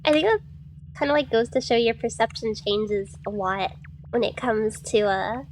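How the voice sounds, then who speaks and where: A woman's voice: a little high, moderate pace, a little hiss or hum. A young adult woman streaming a game as a VTuber, chatting casually, swearing freely and breaking into giggles. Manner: giggly, breaks into fits of laughter. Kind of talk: casual live-stream gameplay chat.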